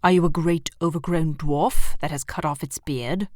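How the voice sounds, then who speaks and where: A woman's voice: deep voice, steady tone, normal speed, darkish tone, dry recording, clean studio sound, natural voice. Woman as a haughty, imperious witch queen. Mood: imperious, scornful. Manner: imperious, demanding. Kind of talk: children's audiobook character voice.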